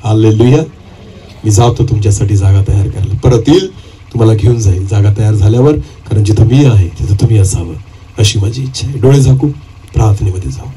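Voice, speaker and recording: A man's voice: lowish voice, brisk, warm tone, husky, rough recording. A man preaching a sermon as pastor, his voice climbing in urgent bursts and punctuated by calls of hallelujah.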